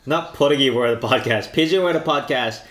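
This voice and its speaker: An echoey room surrounds this man's medium-pitched voice. He has a local Hawaiian accent and talks in a loose, colloquial way peppered with Pidgin slang. It is casual podcast co-host chat. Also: fast talker, fairly bright tone. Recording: roomy echo.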